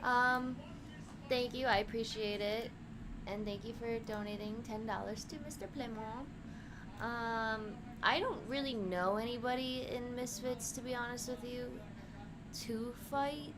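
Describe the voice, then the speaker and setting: A woman with a slightly high voice talks over clear background noise. She co-hosts a livestream, chatting casually and answering viewers in slangy, sweary, informal speech. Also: steady tone, measured pace. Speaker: livestream co-host. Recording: clearly noisy room recording.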